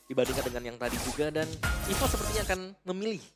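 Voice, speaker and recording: A man's voice: on the high side, expressive, rapid-fire, over loud music. A man giving analytical match commentary as an esports caster.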